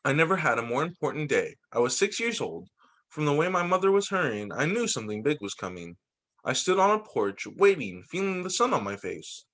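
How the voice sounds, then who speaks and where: A male teacher with a voice on the high side reads a picture book aloud to young students at a brisk pace. He's expressive and animated, adding small asides, explaining things and checking in with his listeners.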